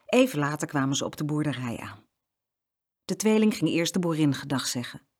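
Expressive woman reading a children's story. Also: sits low, fairly quick. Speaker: narrator.

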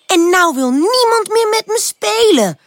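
A woman voicing an eager, playful little female puppy in a storybook, with high, excited, childlike squeals. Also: unhurried, no room sound, full character voice. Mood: sulky.

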